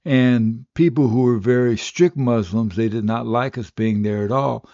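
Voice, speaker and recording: An older man preaching a radio sermon and telling his own testimony, in an earnest, steady storytelling manner. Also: medium pitch, moderate pace, no echo. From West Africa. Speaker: radio pastor. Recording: slightly dull, dry radio recording.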